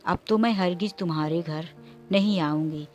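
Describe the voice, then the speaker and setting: A woman's voice: lowish voice, moderate pace, faint music behind, close to an everyday voice. Woman reading as a stubborn, angry young wife. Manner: indignant, sharp.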